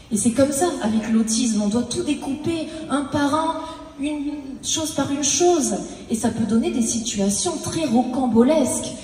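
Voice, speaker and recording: A woman performing a comic stage monologue, telling her story haltingly and acting out her own lines of dialogue. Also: on the high side, mellow. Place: stage in a large hall. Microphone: handheld stage mic. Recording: echoey hall, mic at a distance.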